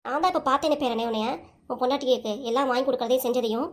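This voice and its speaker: A woman's voice: sits high, racing, lightly acted. A woman voicing a complaining, gossiping old grandmother in a cartoon comedy, with a southern Tamil Nadu accent. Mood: grumbling. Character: older grandmother, grumbling and scheming. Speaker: voice actor.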